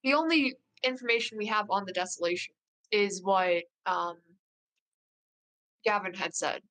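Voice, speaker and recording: A woman's voice: mid-range voice, moderate pace, fairly bright tone, rough recording. A woman talking casually as a player in a tabletop game. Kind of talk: casual chat.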